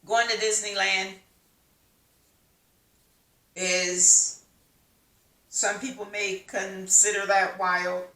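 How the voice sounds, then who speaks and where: A woman's voice: medium pitch, little pitch movement, very slow, long pauses, bright, forceful tone. A woman vlogger from the United States giving an emphatic motivational talk full of rhetorical questions. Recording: echoey room, mic at a distance.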